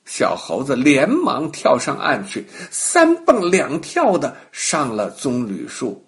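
Lively older man telling children's stories. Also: mid-range voice, takes it slowly. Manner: animated, addressing children directly. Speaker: children's storyteller. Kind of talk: bedtime story narration.

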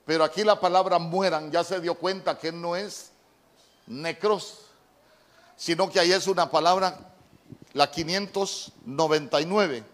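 Male pastor, sermon, deliberate, repetitive, unhurried, fairly high pitch. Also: fairly even intonation, fairly bright tone. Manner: slow, deliberate, repeats key words. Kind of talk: sermon with Bible word study.

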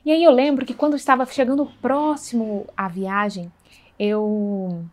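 A woman with a slightly high voice shares her personal faith testimony at a measured pace and with fairly even intonation. She is earnest and conversational, acts out dialogue, and often checks in with listeners through tag questions.

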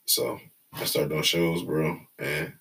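A man's voice: very deep voice, fairly even intonation, slow, creaky, a bit bright, recorded from a distance, poor audio. A young man with a Detroit accent in casual conversation as a recording artist, talking in cocky, slangy hype with lots of "bro". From Detroit, United States. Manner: cocky, slangy hype talk peppered with "bro" and "you feel me". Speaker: recording artist being interviewed. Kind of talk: casual chat.

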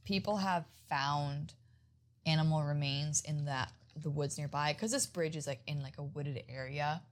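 Woman, co-host, somewhat low pitch, relaxed storytelling, casual chat, laughs easily. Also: unhurried. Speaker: podcast co-host presenting the research.

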